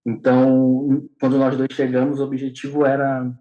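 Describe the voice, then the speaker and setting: A man's voice: medium pitch, completely flat delivery, moderate pace, warm tone, highs cut off. Young man, mid-range voice, hesitant, many restarts, casual interview. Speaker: podcast guest.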